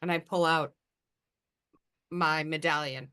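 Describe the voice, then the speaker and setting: Slow-speaking woman player. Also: deep voice, steady tone, bright, forceful tone, clean tone. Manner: slow and deliberate. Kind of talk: describing her character's actions.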